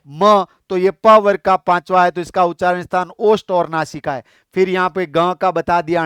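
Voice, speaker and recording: A man from India with a fairly high, smooth, clear voice, teaching an exam-prep lesson. He walks through each point step by step, poses questions and answers them himself. The sound is dry and close, with no room echo. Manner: explains step by step, asks and answers his own questions, often says "friends". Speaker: Sanskrit teacher.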